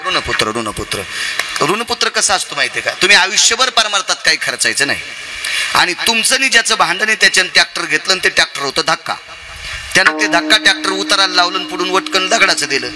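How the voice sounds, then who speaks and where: A man preaching a devotional kirtan sermon, telling stories dramatically, dropping to hushed lows and rising to loud high calls with call-and-response questions. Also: animated. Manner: sings refrain lines in drawn-out chant.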